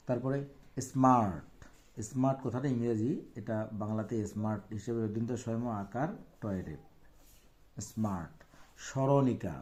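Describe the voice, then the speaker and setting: A man with a Bangladeshi accent leads a primary-school reading lesson, breaking each word into its letters and checking in with the class as he goes. His voice is mellow and warm rather than bright, pitched at an ordinary middle for a man. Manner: patient, spells words out letter by letter, often asks "right?". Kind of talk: online reading lesson for children.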